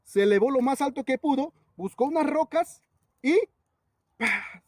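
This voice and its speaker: A man from a Zapotec-speaking community with a Mexican Spanish accent, a teacher telling a folk tale in a relaxed, conversational way. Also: very high-pitched, unhurried, dry recording, clean studio sound. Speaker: teacher and storyteller.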